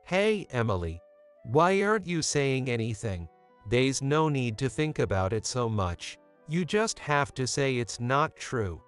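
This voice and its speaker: Pushy, incredulous cheating husband voiced by a man, animated and clear-voiced. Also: mid-range voice, measured pace, faint music behind. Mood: pressing. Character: arrogant cheating husband, young adult man.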